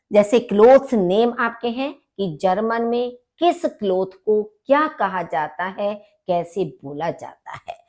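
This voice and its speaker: A woman teaching a vocabulary lesson, saying each word twice with emphasis before explaining it. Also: on the high side. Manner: repeats each word slowly, stressing it. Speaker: language teacher.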